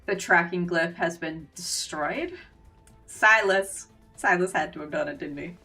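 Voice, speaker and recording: A woman's voice: fairly low pitch, a little slow, pushed and bright, far from the mic, faint music behind. A woman streamer reading a game's story aloud, with casual joking asides. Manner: reads narration aloud, breaks into laughing asides. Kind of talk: game reading and reaction.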